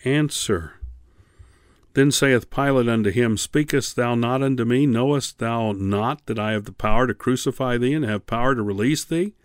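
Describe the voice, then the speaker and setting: A male Bible teacher gives a radio lesson at an unhurried, deliberate pace. He reads scripture and then comments on it, pressing hard on key words with sudden rises. His voice is dry and close, with no room sound. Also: medium pitch, no echo.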